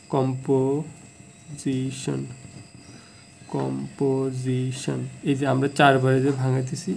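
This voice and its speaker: A man teaching English in a casual video lesson, plainly repeating example words slowly. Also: mid-range voice, a little mellow, slight background noise, poor audio.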